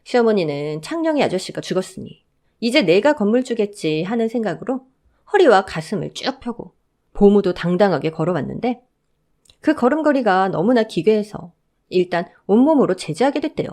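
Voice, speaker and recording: A woman's voice: mid-range voice, expressive, brisk, mellow. A woman narrating a scripted story in a chatty, confiding way.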